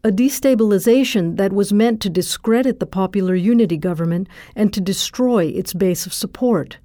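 A woman narrating a radio documentary in a measured, serious scripted read. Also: medium pitch, dark tone, dry recording, studio quality.

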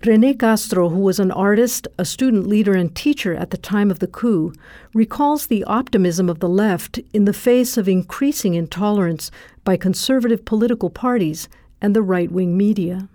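A woman's voice: mid-range voice, normal speed, warm tone, no room sound, studio quality. Serious woman narrating a radio documentary. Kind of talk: scripted narration.

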